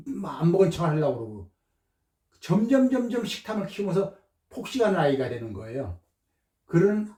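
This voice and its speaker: A man's voice: on the high side, dark tone. Man coaching in an echoey room. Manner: explains step by step and acts out quoted parents and children. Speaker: diet coach. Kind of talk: explanatory talk to camera. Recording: echoey room, mic far off.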